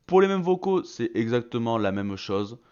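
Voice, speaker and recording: A man's voice: mid-range voice, very animated, normal speed, a little mellow, smooth, lo-fi sound. A man narrating a tutorial in a casual, slangy and enthusiastic way. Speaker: video creator presenting a voice-changer tool.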